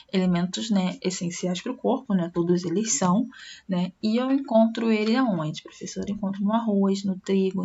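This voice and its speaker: A Brazilian woman science teacher walks students through a recorded lesson, checking in with little tag questions as she goes. Her voice sits in a middle pitch, and the recording is dull and lo-fi with a faint hiss underneath. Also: a little mellow. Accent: Brazilian Portuguese. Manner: explanatory, many tag questions. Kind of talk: recorded online class.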